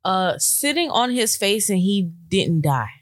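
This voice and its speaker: A woman's voice: mid-range voice, very animated, unhurried, dry recording, clean studio sound. A woman co-hosting a podcast in casual chat, playful and teasing. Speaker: podcast co-host.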